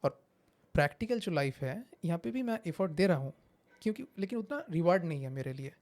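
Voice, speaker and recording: Mellow-voiced psychiatrist explaining calmly. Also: male voice, a little high. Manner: measured, explains with examples, mixes English phrases. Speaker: psychiatrist guest. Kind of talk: explanatory interview talk.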